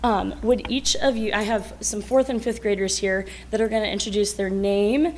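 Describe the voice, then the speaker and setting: A woman's voice: medium pitch, normal speed, darkish tone. A woman teacher presenting at a school board meeting, encouraging children as she puts questions to them. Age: adult.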